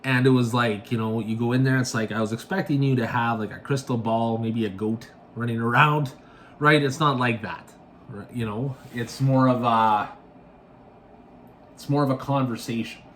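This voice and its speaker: A man hosting a casual podcast monologue, rambling and self-correcting, often ending thoughts with a quick tag question. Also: mid-range voice, fairly even intonation, fairly bright tone, slight background noise. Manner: rambling, self-correcting, tags sentences with "right?". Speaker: podcast host.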